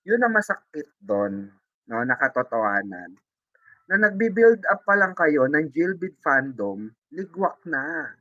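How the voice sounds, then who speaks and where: A man's voice: a little high, big pitch swings, measured pace, bright, forceful tone, no room sound. A man hosting a teasing live gossip chat, reading viewer comments with frequent tag questions and playful sing-song remarks. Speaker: showbiz gossip vlogger. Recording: dull, muffled lo-fi sound.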